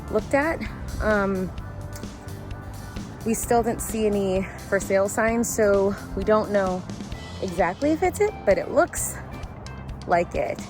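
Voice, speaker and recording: A young woman vlogs casually from a hillside and chats at an unhurried pace. She laughs often and keeps a mid-range voice. Music plays clearly behind her. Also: mid-range voice. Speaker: vlogger. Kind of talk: casual chat. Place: outdoors on a hillside. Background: background music.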